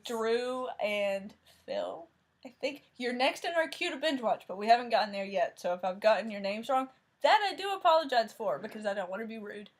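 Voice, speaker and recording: Her pitch is fairly high, her delivery animated and a little quick as she chats about cross-stitch projects on her crafting vlog. She comes from Tennessee, carries a thick Southern accent, and rambles with plenty of fillers and self-corrections.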